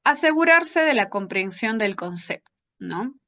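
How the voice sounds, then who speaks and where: A woman's voice: on the high side, very animated, a little slow, bright, forceful tone. A woman lecturing, explaining step by step and checking in with her audience through short tag questions. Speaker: psychology lecturer. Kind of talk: academic lecture. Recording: dull lo-fi audio.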